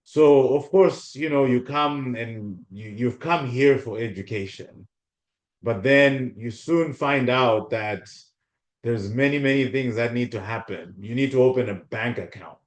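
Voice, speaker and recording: Speaking a little slowly in a mid-range voice, a Zimbabwean man in his forties appears as a guest speaker in an informal workshop held over a video call. He hesitates constantly, restarting sentences and saying um often, and the recording has a roomy sound.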